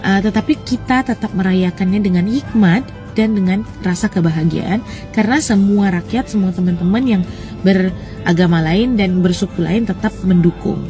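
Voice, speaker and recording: A woman's voice: medium pitch, moderate pace, dark tone, soft background music. A young woman from Indonesia recounting her own experience in a conversational way, hesitating now and then. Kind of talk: casual personal account.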